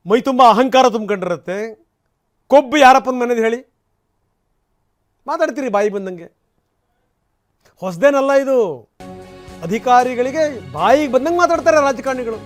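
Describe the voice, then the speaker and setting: A man giving impassioned, indignant news commentary as an anchor, full of rhetorical questions and emphatic repetition. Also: very high-pitched.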